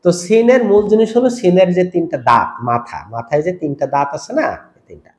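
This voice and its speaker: A man teaching Quran letters step by step, patiently repeating each sound in a slow, drawn-out way. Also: sits high, big pitch swings, darkish tone, reverberant. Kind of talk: step-by-step recitation lesson.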